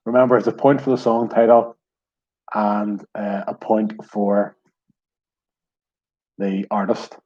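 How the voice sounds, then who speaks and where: A man's voice: on the low side, steady tone, slow pace, long pauses, dull audio. A man hosting an online pub quiz in a wry, self-deprecating way.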